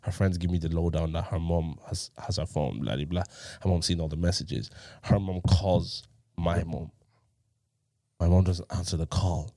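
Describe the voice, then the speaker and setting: A man's voice: low-pitched, steady tone, moderate pace, dark tone, dry recording, studio quality. A young man chatting casually and telling stories in slangy talk, often repeating phrases and calling people bro. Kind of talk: casual chat, animated storytelling.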